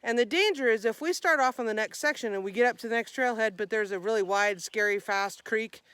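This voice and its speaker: A woman's voice: a little high, brisk, a bit bright, smooth, no echo. A woman talking casually for a vlog as a hiker, chatty and informal, thinking aloud as she goes. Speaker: vlogger, hiker.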